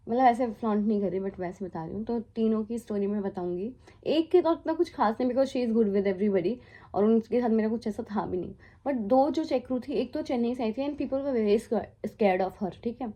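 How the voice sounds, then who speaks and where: A young Indian woman in her twenties, a flight attendant, tells a storytime vlog in casual Hindi sprinkled with English. Her voice is a little high with a warm tone, and she keeps it chatty, full of asides and laughter.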